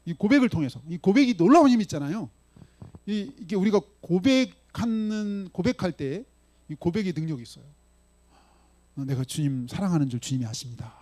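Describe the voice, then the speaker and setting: Here a man with a high, mellow voice preaches informally, often pausing to check in with the congregation. As a pastor, he performs Jesus's lines in dialogue on his own.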